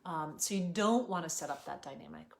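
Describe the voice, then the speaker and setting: Woman coaching parents in a lower voice. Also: a little fast, creaky. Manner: acts out parent quotes in lively voices. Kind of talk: parenting advice talk.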